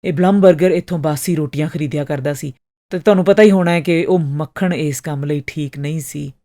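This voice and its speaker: Give me a woman acting a flustered young clerk, halting and polite, with a low voice. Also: dark tone. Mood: apologetic. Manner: hesitant, stumbling explanation.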